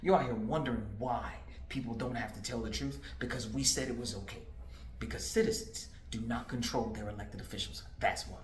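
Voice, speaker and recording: A man's voice: mid-range voice, fairly quick, slight background noise. Emphatic man in his forties, roomy echo. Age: 40s. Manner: emphatic and repetitive, full of rhetorical questions. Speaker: political candidate. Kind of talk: direct-to-camera political commentary.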